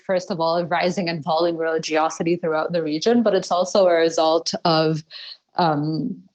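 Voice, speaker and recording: A woman with a fairly low voice talks through her research as a podcast guest. She is measured and careful, and she pauses on the odd filler or restarts a phrase before she goes on. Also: low-quality recording. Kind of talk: explanatory interview answers.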